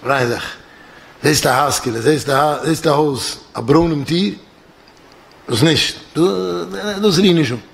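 A man delivering a yeshiva lecture, his voice sitting a touch higher than most men's. He spins a parable, jumping into the characters' lines with bursts of energy and frequent restarts. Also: normal speed, vocal fry. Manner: animated storyteller acting out dialogue, many restarts. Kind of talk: religious lecture told as a parable.

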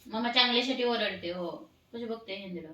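A woman's voice: on the high side, a little fast, sharp tone, recorded from a distance, dull audio. A woman at home scolding her pet cat in a mock-stern way. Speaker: pet owner. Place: home, indoors. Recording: echoey room, away from the mic.

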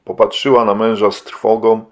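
Lowish-voiced male audiobook narrator. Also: flat delivery, normal speed, lo-fi sound. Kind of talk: scripted narration.

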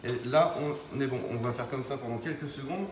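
A man's voice: medium pitch, fairly quick, reverberant, recorded from a distance, crowd noise. A man with a Vosges accent, a chef doing a live cooking demonstration who jokes and teases the audience. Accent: Vosges French. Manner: joking, teasing audience. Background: sizzling pan.

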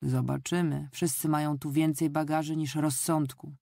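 Woman as a grumbling middle-aged husband, dry and deadpan, a mellow, gravelly voice. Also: low-pitched, normal speed, no echo. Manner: dry, sardonic.

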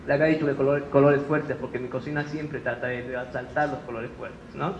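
A man's voice: medium pitch, level tone, fairly quick. A man with a Bolivian Spanish accent gives a conference talk as a chef, telling stories in a chatty way and checking in with his listeners again and again. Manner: chatty storytelling, tag questions. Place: conference room. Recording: roomy hall, muffled sound, faint noise.

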